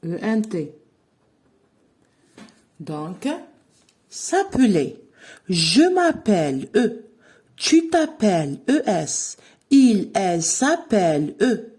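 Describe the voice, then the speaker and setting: Woman French teacher, lively pitch, slow dictation that spells out endings. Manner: dictates slowly, spells out verb endings letter by letter. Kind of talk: slow classroom-style grammar lesson.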